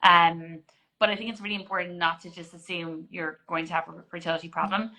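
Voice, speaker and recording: Woman GP, forties, clear bright delivery, talks things through with fillers and restarts. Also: fairly low pitch, flat delivery, fairly quick, low-quality recording. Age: 40s. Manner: explanatory, frequent restarts and fillers. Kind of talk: conversational interview answers.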